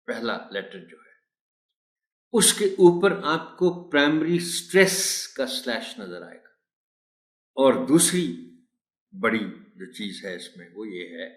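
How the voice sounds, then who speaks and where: Male teacher trainer, slow and patient, lively intonation, repeats model words, echoey room. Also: mid-range voice. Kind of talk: pronunciation lesson for teachers.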